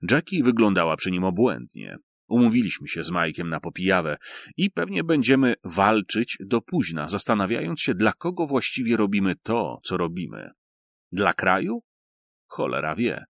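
A man reads a first-person story aloud with a wry, storytelling touch. His low voice is gravelly, and his pitch moves a lot. The sound is close and dry. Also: very animated, normal speed, no room sound. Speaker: audiobook reader. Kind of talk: first-person audiobook narration.

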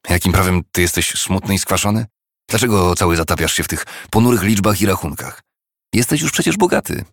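A man's voice: low voice, lively intonation, a little fast, vocal fry, no echo, clean studio sound. A man voicing a cheerful young nephew who speaks earnestly and pleads kindly with his uncle.

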